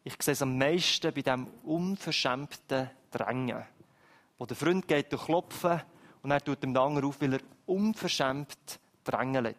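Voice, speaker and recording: A man with a Swiss German accent preaching a sermon in a lively, emphatic, conversational way. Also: mid-range voice, normal speed.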